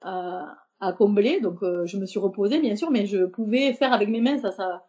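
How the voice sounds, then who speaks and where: Invitée de podcast, une femme, timbre chaud et feutré, parole hésitante avec nombreux « euh ». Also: female voice, mid-range voice, normal speed, dark tone. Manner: hesitant, many fillers and restarts. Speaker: podcast guest, embroiderer. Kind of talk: casual interview talk.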